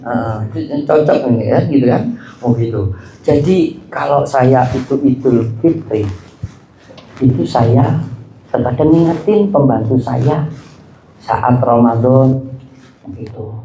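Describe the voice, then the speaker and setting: A man delivers a casual study sermon, chatting with the audience, asking them questions, and repeating "gitu" and "begitu" over and over. His mid-range, dark voice moves slowly with frequent pauses, and the recording carries a roomy hall echo.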